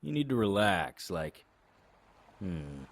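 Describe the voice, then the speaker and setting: In an audio drama, a man plays a wisecracking middle-aged vampire and monster hunter who also narrates, speaking in a wry, dry, sardonic, matter-of-fact way. His low voice is very animated and exaggerated, yet he takes it slowly. A little hiss or hum sits under the recording.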